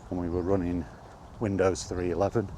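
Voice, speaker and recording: Deep and dark, a middle-aged vlogger's voice stays level and brisk as he rambles about retro gaming. He reminisces informally on his personal gaming vlog, with slight background noise in the mix.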